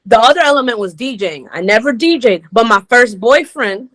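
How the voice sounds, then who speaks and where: A woman in her forties from Rhode Island talks through her story as an interview guest, with a slightly high voice. She is lively and chatty and laughs easily as she goes. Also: brisk. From Rhode Island, United States. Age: 40s. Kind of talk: casual interview chat.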